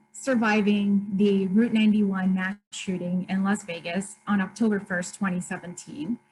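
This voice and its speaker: Appearing as a guest on a video call interview, a woman from Colombia who owns a store and is in her thirties or forties talks with open earnestness, steadily recounting hard times. Her pitch is medium, and the rough recording carries a slight hiss or hum.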